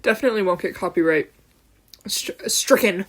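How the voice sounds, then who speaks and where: A young woman hosts her own podcast alone, talking straight to her camera in a loose, bubbly ramble. She fills her speech with "like" and "um" and wanders off on tangents with a giggle. Her voice sits at an ordinary middle pitch. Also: normal speed. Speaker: podcast host. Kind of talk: casual solo podcast chat.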